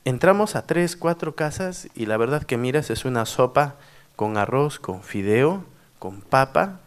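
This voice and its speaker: Slightly slow and at medium pitch, a middle-aged man from Peru's Cusco region tells anecdotes in a workshop talk about his days as mayor. He is an animated storyteller who often finishes sentences with a tag question.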